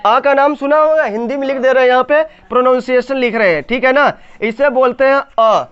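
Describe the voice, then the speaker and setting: A male teacher leading a grammar class. He repeats each point as a question to the students and slowly stretches the key words to stress them. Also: very high voice, fairly bright tone. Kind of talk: classroom lesson with call-and-response. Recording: slightly dull lo-fi sound.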